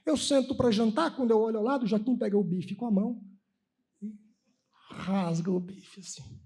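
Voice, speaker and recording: A man's voice: high voice, moderate pace. A man in his thirties from Brazil giving a spiritist lecture at a conference, telling personal stories and acting out the dialogue. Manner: animated storytelling, acting out dialogue. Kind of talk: sermon-like talk with personal stories. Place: lecture hall at a religious conference.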